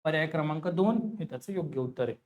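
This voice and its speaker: A man's voice: a little high, quick pace. A man teaching an exam-preparation lesson, who asks his students questions and then answers them himself, repeating the key words.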